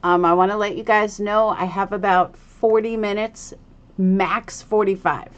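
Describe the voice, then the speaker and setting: Slow-paced woman with a slight retainer lisp. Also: medium pitch, fairly even intonation, muffled recording. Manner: blunt, opinionated, profane. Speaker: livestream host. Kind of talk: casual livestream commentary addressed to viewers.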